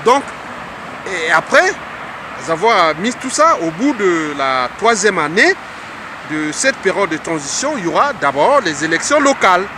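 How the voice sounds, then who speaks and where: A man's voice: high-pitched, very animated, measured pace, background noise. A man from the Republic of the Congo giving an earnest, repetitive political address, speaking like an orator.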